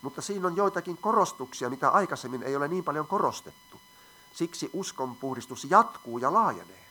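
Male preacher, crisp bright tone, teaching sermon with questions to the room. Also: on the high side, expressive. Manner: asks the audience questions, reads scripture aloud.

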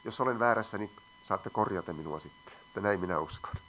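Male preacher, crisp bright tone, teaching sermon with questions to the room. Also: on the low side. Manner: asks the audience questions, reads scripture aloud.

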